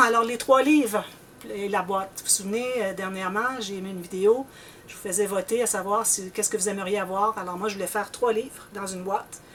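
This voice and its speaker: A Québécois woman chats casually to her viewers in a loose, rambling way, clearing her throat now and then. Her voice sits at a middling pitch and sounds a little distant from the microphone, with faint noise underneath. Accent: Québécois French. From Canada. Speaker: scrapbooking channel host.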